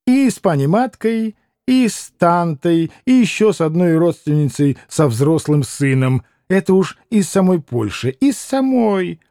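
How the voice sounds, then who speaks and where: A man's voice: sits high, mellow, no echo, studio quality. A man voicing a fawning, talkative old landowner who tacks a deferential "-s" onto his words. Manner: ingratiating, adds deferential "-s" to words. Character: fawning old petty landowner, chatty fibber.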